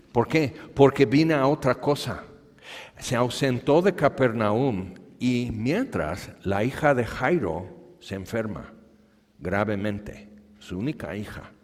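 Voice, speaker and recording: A man with a Mexican accent preaching a sermon at a convention, animatedly acting out the scenes of the story he tells. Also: on the low side. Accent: Mexican Spanish. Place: large hall. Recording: long hall reverb.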